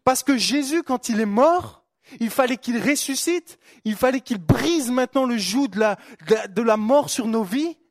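A man's voice: very high voice, animated, normal speed, no room sound, studio quality. A young man preaching a sermon, fervent, repeating phrases for emphasis and stumbling on words. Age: young adult.

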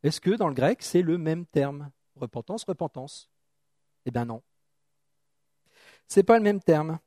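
A man's voice: fairly high pitch, lively intonation, a little slow, warm tone, no room sound, studio quality. A middle-aged man from France preaching an informal, joking sermon, thinking aloud with many restarts and asides.

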